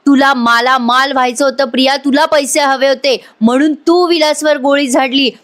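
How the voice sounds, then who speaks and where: A woman's voice: high voice, steady tone, moderate pace, fairly bright tone. A woman reading a relentless accusing lawyer. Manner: hammering, accusatory questions.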